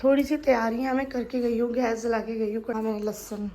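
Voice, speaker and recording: A young woman chatting casually in her vlog, talking softly and slowly to spare a strained throat. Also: on the high side, steady tone, noisy background. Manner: soft, slow talk to spare her voice. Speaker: vlogger. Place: home kitchen.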